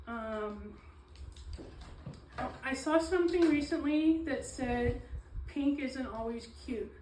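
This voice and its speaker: A woman giving a slow, earnest reading of her own poetry, pausing often with ums and apologies. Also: fairly high pitch, a little mellow, a little hiss or hum. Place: small event space, indoors. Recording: echoey room, mic at a distance.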